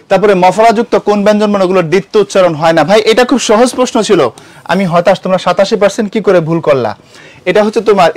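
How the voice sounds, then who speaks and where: A Bangladeshi man walks through exam answers at a rapid clip. His voice sits high, and he keeps checking that his students are following. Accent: Bangladeshi Bengali. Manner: brisk, quizzing students with checks like "got it?". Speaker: teacher. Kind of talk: exam solution lecture.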